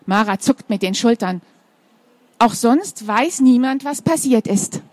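A woman's voice: on the high side, animated, measured pace, darkish tone, no echo. A woman reading a children's story aloud, adding informal asides to her young listeners.

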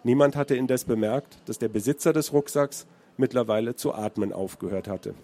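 A man's voice: mid-range voice, normal speed, dark tone. A man from Hesse, a crime author, reading from his novel and then answering questions with many hesitant fillers. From Hesse, Germany.

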